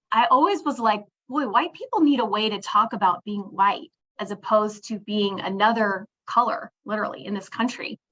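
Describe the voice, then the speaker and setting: A woman's voice: medium pitch, bright, forceful tone. A woman in her forties from Pittsburgh presenting a webinar, reflective and full of fillers and restarts. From Pittsburgh, United States. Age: 40s. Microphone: video call. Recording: dull lo-fi webinar audio.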